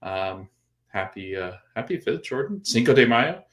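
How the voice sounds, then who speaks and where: A man's voice: mid-range voice, lively intonation, normal speed. A man hosting a baseball podcast in casual chat, rambling with lots of fillers and restarts. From Florida. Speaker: podcast host.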